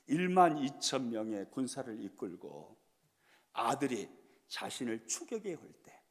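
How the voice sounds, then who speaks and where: A man's voice: medium pitch, sing-song, unhurried, in a large hall. A man with a Jeolla Korean accent preaching a revival sermon, telling the story with dramatic flair. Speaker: pastor. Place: church sanctuary.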